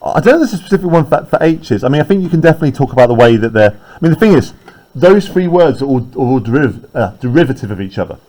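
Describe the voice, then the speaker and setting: A man teaching a poetry class in a classroom, chatty and explanatory. He keeps checking in with his students as he goes, in a mid-pitched voice. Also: big pitch swings, fast talker, dark tone, low-quality recording. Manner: conversational, frequent tag questions.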